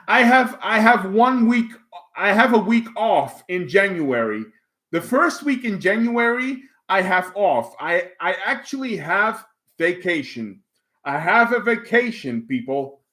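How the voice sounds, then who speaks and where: A native Dutch speaker with a Dutch accent hosts a livestream, chatting casually with viewers and reading their comments. His voice is high, sing-song and sharp, his pace slow, and he rambles with lots of fillers and restarts.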